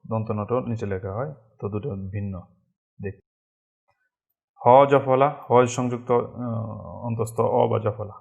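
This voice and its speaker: Man, lower pitch, language tutor, slow careful word-by-word repetition, casual fillers. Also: vocal fry, a little mellow, highs cut off. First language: Bengali. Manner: slow and repetitive, repeating each word for pronunciation. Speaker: language teacher.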